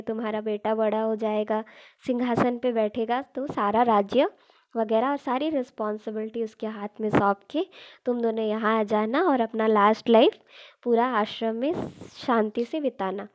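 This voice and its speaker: A woman's voice: fairly high pitch, fairly even intonation, moderate pace, lightly acted. A woman voicing an old male sage giving earnest fatherly advice in a storytelling recording. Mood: reassuring. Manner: earnest, instructive.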